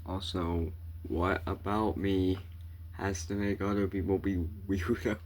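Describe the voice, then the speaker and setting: A man's voice: deep voice, flat delivery, takes it slowly, darkish tone, slight background noise. A man reading messages aloud and reacting casually, in a baffled, disbelieving manner. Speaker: video creator reacting to viewer messages.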